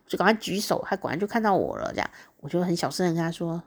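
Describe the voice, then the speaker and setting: A woman with a Taiwanese Mandarin accent telling a casual diary story, chatty and excitable, laughing often. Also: lowish voice, racing. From Taichung, Taiwan. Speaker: diary podcast host.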